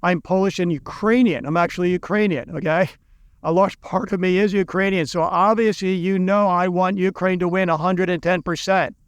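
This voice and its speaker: A middle-aged American college teacher and video lecturer talks loosely to camera, rambling with restarts and asides. His high voice is clear and resonant, with fairly even intonation and a moderate pace, and there's no echo.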